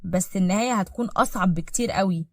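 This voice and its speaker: Egyptian-accented, cold domineering rich husband voiced by a female narrator, quick and clipped, dry close sound. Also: medium pitch, darkish tone, no room sound, natural voice. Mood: cold, commanding. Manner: cold, commanding. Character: proud vengeful rich man, cold and domineering.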